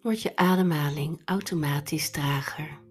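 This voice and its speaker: A woman guides a meditation very slowly over soft background music. Her voice is on the low side and breathy, with a soft, soothing delivery. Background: instrumental music.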